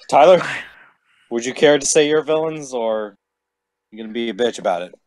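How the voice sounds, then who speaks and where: A man hosting a casual chat on a voice call, joking and sarcastic with quick comebacks. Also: medium pitch, darkish tone, no room sound. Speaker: podcast host.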